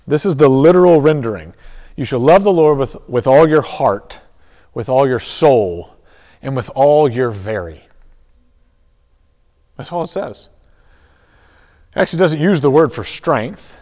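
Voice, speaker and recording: A man preaching a conversational sermon, halting with restarts and fillers as he teaches. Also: mid-range voice, darkish tone. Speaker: pastor. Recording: long hall reverb.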